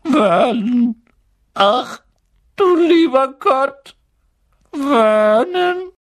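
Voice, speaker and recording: An audiobook narrator voicing a nervous middle-aged aunt with a shrill, trembling voice. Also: animated, very slow, exaggerated voice. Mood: alarmed. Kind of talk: audiobook character voice.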